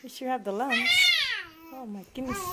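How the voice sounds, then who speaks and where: A young mother coos slowly in a high, sing-song voice, drawing her words out as she talks to her baby. Her voice sounds a little worn, as if it is still recovering. She is recorded close on a handheld camera indoors, with clear noise in the background of the home video. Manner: sing-song, cooing, laughing often. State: voice recovering from loss. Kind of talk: baby talk to an infant.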